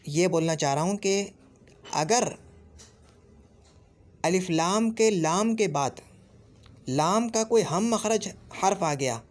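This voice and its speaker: A man's voice: high-pitched, lively intonation. Man drilling Arabic letter sounds. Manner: repeats sounds slowly and drills each letter. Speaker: Arabic grammar teacher. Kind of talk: classroom-style grammar lesson.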